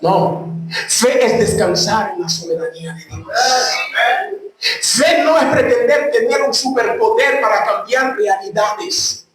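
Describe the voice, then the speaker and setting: Male preacher, high voice, emphatic delivery with shouted peaks; distant mic in a reverberant hall with faint noise. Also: expressive, measured pace. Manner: emphatic, repeats lines, swings between shouting and low tones. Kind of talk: sermon. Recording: echoey room from far off, faint noise.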